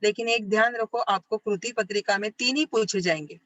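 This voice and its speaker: Female school teacher, bright clear voice, dry close sound, rephrases and quizzes the class as she explains. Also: mid-range voice, fairly quick, dry recording, low-quality recording. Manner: explains step by step, asks questions and answers them herself; rephrases points again and again. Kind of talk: recorded grammar lesson.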